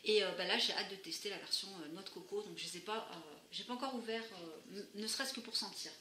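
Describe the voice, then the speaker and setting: Woman doing a haul vlog, lots of umms, excited bits, sharp bright voice, kinda roomy echo. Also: mid-range voice, fast. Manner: hesitant, many fillers, enthusiastic. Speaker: beauty vlogger. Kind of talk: casual product haul review. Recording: echoey room.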